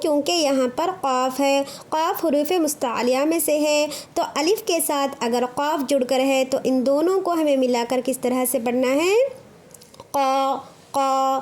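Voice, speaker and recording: A woman's voice: sits high, darkish tone. A woman with a Dakhni Urdu accent teaches Quran recitation in an online lesson. She keeps asking her students questions and answering them herself. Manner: slows down to chant the example verses. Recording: faint background noise.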